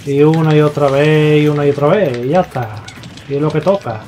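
A young man with a Spain Spanish accent giving excitable, foul-mouthed live gameplay commentary, yelling at his opponents. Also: on the high side, brisk. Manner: excitable, swears a lot, yells at opponents. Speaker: gaming YouTuber. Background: faint game music.

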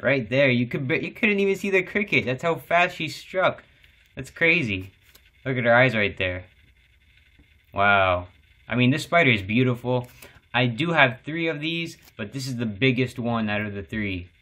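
A young man casually narrating as he feeds his exotic pets, relaxed and chatty with lots of fillers. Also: mid-range voice, moderate pace. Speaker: pet keeper and channel host.

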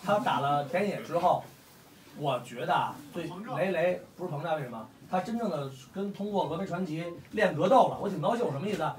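A man's voice: a little high, lively intonation, fairly quick, slight background noise. A man in his forties with a Beijing accent, talking bluntly and heatedly to a crowd of fans, swearing often. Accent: Beijing Mandarin. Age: 40s. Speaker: fight fan meetup host. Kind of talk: casual talk to a crowd. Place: room with a gathering of fans. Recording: echoey room, mic at a distance.

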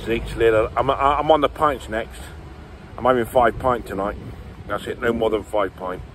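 A man's voice: medium pitch, moderate pace, fairly bright tone. Male vlogger, repetitive chanting chat, phone mic outside with street noise behind. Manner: repetitive sing-song chanting. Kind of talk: casual vlog. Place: outdoors on city streets. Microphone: phone held at arm's length.

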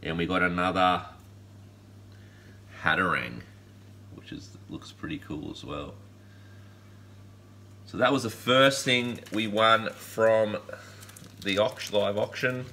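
In a room lined with collectible shelves, a man hosts a casual unboxing chat for his collectibles channel, upbeat and rambling with laid-back slang. His lowish voice has a sharp tone, and he speaks slowly with long pauses.

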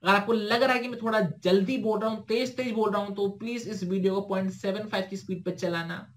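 Brisk high-voiced Indian teacher. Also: male voice, a bit bright. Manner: brisk explaining, slow careful reading of English questions; asks himself questions and answers them. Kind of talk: exam-prep lesson talk.

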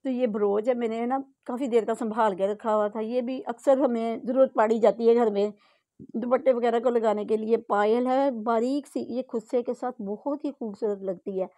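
A woman's voice: a little high, steady tone, normal speed, dark tone, no echo. A middle-aged woman from Pakistan with a Punjabi-tinged accent, chatting homely to a phone camera at home. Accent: Punjabi-tinged Urdu. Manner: chatty, homely, full of asides. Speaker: home vlogger. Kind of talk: casual chat to camera. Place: home bedroom, indoors.

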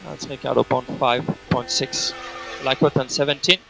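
A man's voice: medium pitch, fairly even intonation, moderate pace, vocal fry, background noise. A man working as race engineer, giving terse, repetitive, clipped instructions over race car team radio. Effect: team radio transmission.

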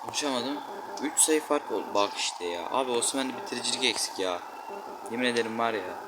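A man's voice: mid-range voice, fast talker, heavy background noise. A man giving casual, slangy commentary on a football video game, grumbling and exclaiming at every play. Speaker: gaming channel host. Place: room indoors, playing a football video game. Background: children shouting outside.

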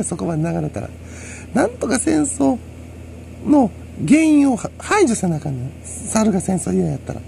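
A man with a Kansai accent rambles through a solo monologue, lecturing and chuckling to himself. His voice is gravelly and dark, with pitch that leaps around. Faint noise sits under the recording. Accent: Kansai Japanese. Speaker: solo commentator.

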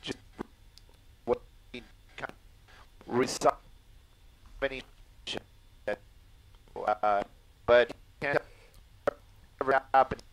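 A man talking as a remote co-host in a casual live-stream chat, his speech coming through a choppy, breaking-up connection in halting, broken-off phrases. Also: medium pitch, poor audio.

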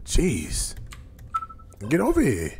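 A man's voice: a little high, huge pitch swings, slow, vocal fry, noisy background. Rambling man chatting through a live game. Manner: chatty, rambling, talks to viewers while playing. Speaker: streamer host. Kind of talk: casual live gameplay chat.

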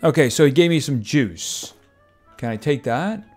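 Chatty streamer man with lively pitch. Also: moderate pace. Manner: chatty, wry asides. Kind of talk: casual gameplay commentary. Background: game music.

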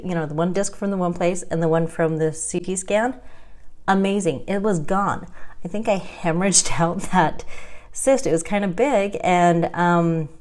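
Close to her webcam in a small room at home, a woman in her thirties shares her health journey in a casual vlog. Her voice is a little low and a little mellow, and she comes across chatty, wry and self-deprecating, laughing often and tossing in dry asides.

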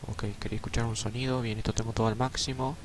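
A man's voice: mid-range voice, little pitch movement, fast talker, noisy background. A man commenting on a horror game at night, jumpy and swearing, yelping at scares. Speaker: let's play commentator. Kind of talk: gameplay commentary. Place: room at night.

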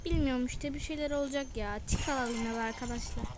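A woman's voice: sits high, quick pace, background noise. A young woman giving casual gameplay commentary, often exasperated and complaining to her viewers. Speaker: gaming channel host. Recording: loud game music behind the voice.

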